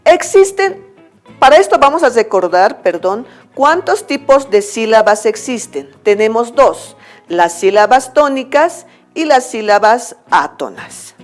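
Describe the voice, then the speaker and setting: Slow, patient Bolivian woman teacher. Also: a little high, animated, faint music behind. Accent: Bolivian Spanish. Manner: patient, explains step by step, often checks with "¿ya?". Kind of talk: recorded school lesson.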